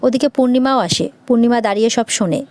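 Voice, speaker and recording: A woman narrating a recap of a television serial episode in a brisk storytelling manner. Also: fairly high pitch, darkish tone, dry recording.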